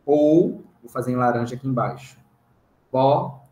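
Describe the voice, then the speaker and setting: A man's voice: fairly high pitch, moderate pace. A man with a Brazilian Portuguese accent teaching an online music theory class, patiently explaining and counting rhythm syllables aloud. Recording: roomy echo, faint hiss.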